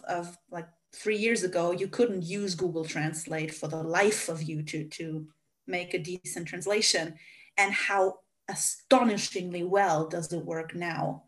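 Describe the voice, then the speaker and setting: A woman's voice: lowish voice, fairly bright tone. A woman with a Hungarian accent, a native Hungarian speaker, explaining things emphatically in a casual discussion.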